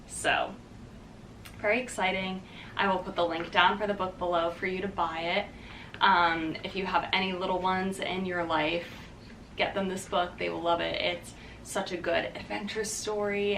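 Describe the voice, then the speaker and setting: Chatting upbeat to her camera, a young woman vlogs with plenty of "um" and "like." The medium-pitched, slightly bright voice is picked up by a distant mic in an echoey room, with some background noise.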